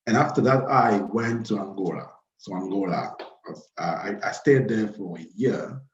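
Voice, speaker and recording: This webinar host, a Cameroonian man in his 30s with a low voice, speaks haltingly and repeats phrases during an informal live talk. He is in a small, plain room indoors, and the dull webcam audio sounds roomy.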